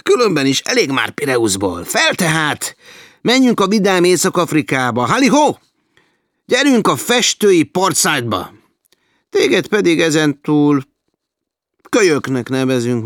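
A man voicing a brash, cheerful adventurer who swoops up loud and high in a dry recording. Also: expressive, gravelly, dry recording. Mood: boisterous. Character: brash cheerful male sailor-adventurer, boisterous.

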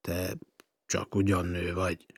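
A nervous chief doctor who masks his worry behind feigned indifference, as a male reader plays him. The voice is low and husky, recorded dry. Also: completely flat delivery, no room sound. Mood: guarded.

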